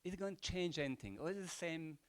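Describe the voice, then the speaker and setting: An older man with a Croatian accent gives unscripted, rambling closing remarks at a panel event. He speaks at a quick pace in a smooth, slightly high voice, and he fills his talk with rhetorical questions and "you know."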